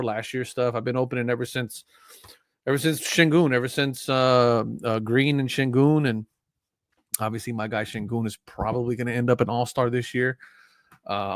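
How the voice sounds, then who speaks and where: A man's voice: mid-range voice, a bit bright, no room sound. Casual stream host: man, early forties, loose rambling delivery, dry close sound. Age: 40s. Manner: rambling, frequent fillers and restarts. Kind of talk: casual live stream chat.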